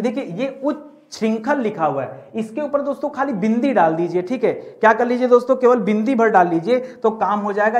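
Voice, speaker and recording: A man's voice: sits high, darkish tone. A male Hindi grammar teacher giving an exam-prep spelling lesson, often asking rhetorical questions and calling his students "friends". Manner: asks rhetorical questions, keeps saying "friends" and "okay"; repeats and drags out key words.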